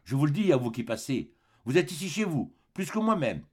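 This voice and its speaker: A man voicing a gentle old bishop, raised and soft. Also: a little high, very animated, a little fast, husky, voice pushed up. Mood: consoling. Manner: soft, warm, consoling. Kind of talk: audiobook character reading.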